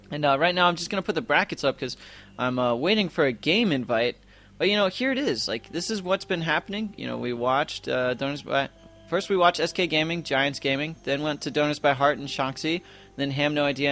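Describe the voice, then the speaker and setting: A man's voice: a little high, fairly bright tone. Chatty young male esports caster. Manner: chatty, rambling, lots of fillers and self-corrections. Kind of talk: casual live game commentary.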